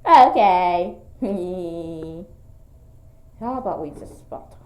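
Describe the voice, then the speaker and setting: A woman playing with toys and talking in playful squeaky character voices. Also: expressive, extremely slow. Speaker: toy play video maker. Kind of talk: playful toy role-play. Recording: echoey room.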